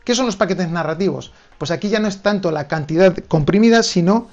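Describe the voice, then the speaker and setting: A man's voice: sits high, a little fast, a little mellow, highs cut off. A man giving a video lesson on learning languages, explaining directly to the viewer and checking in often. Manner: direct, addresses the viewer with frequent "¿vale?". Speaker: language teacher.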